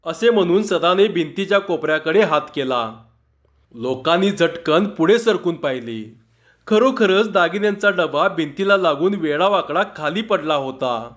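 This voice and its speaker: A man reading a humorous short story aloud in a slow, measured storytelling manner. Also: on the high side, fairly bright tone. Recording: dull lo-fi recording.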